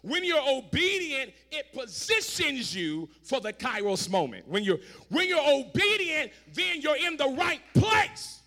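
Male preacher, ringing bright tone, loud call-and-response sermon with chatty asides. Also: wildly swooping pitch, a little slow, hardly any pauses. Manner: shouts and drops to a low, conversational aside, repeats words, talks back to the crowd. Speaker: pastor. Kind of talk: energetic sermon to a congregation.

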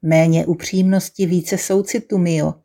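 A woman's voice: on the low side, fairly even intonation, warm tone. Woman reading a wry first-person story. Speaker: narrator.

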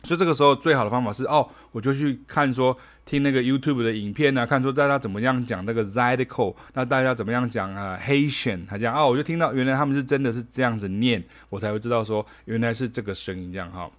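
A man's voice: medium pitch, fast talker, hardly any pauses. Chatty man teaching jazz rhythm. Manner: chatty, ends phrases with a soft "ha", scats rhythms aloud. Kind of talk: casual spoken music lesson.

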